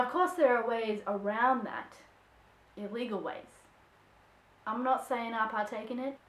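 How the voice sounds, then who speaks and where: A young Australian woman vlogging to camera, answering viewer questions in a chatty, expressive way. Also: fairly high pitch. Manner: chatty and expressive, acts out quoted voices. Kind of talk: casual chat to camera. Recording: echoey room.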